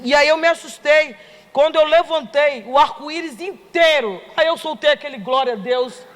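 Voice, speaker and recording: Brazilian lady telling her testimony in church, very high voice, long hall reverb. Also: moderate pace. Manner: animated storytelling, acts out dialogue. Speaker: church member giving testimony. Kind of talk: testimony to a congregation.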